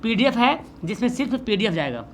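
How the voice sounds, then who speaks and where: A man's voice: high-pitched, big pitch swings, fast, a little hiss or hum. A man with a Bihari Hindi accent teaching an exam-prep lesson, patiently explaining and repeating his questions back to students.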